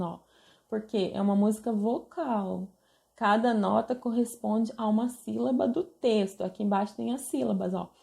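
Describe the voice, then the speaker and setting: Woman, Brazilian accent, music teacher, gravelly voice, mellow tone, patient explanations. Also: fairly high pitch. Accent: Brazilian Portuguese. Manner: explains patiently, pointing at the page with many check-ins. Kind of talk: commented reading of a music theory book.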